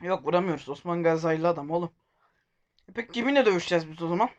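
A man with a high voice gives casual let's-play commentary. He rambles, jokes and often stops to correct himself mid-sentence. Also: animated, rapid-fire, muffled recording. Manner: rambling, self-correcting, joking. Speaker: gaming video host.

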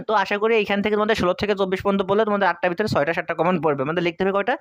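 A young man from Bangladesh tutoring exam students, firing off points quickly and answering his own questions as he repeats key facts. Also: high voice, fairly even intonation, dry recording, studio quality. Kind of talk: fast exam-prep lesson.

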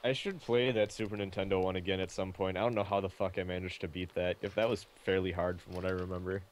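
Rambling young man, lowish voice. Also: little pitch movement, fast, a little hiss or hum. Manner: rambling, swears often, laughs a lot. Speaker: guest co-streamer. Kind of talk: casual chat on a game stream.

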